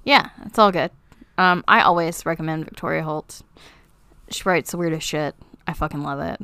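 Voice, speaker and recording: A woman's voice: sits low, normal speed, bright, forceful tone, smooth, dry recording. A woman co-hosting a casual book podcast, upbeat and emphatic, swearing casually. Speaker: podcast co-host. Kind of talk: casual chat.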